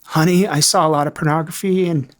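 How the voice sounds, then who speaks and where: A man's voice: on the high side, fairly even intonation, fast talker. A man recounting his own story in an earnest, reflective way, as a podcast guest. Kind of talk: personal testimony.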